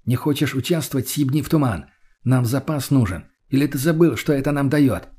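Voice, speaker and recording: A blunt, hardened young man who gives commands calmly, as the narrator plays him. His voice is husky and sits at an ordinary male pitch. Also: fairly quick, lightly acted. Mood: hard.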